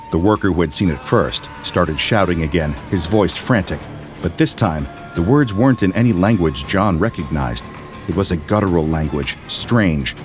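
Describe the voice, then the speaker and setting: A man narrating a scripted horror story in a steady, measured way. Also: low-pitched.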